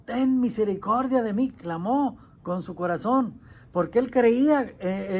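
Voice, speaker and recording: A man's voice: sits high, creaky, a little mellow. A male pastor preaching a sermon earnestly, retelling a story and crying out the pleas he quotes.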